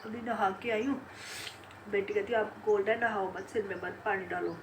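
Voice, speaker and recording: A middle-aged woman vlogger talks casually to camera in a mid-range, steady voice at a moderate pace. She's congested and sore-throated from a cold, so she sounds blocked-nosed, yet she chats away, laughs often, and retells family conversations over a faint background hiss.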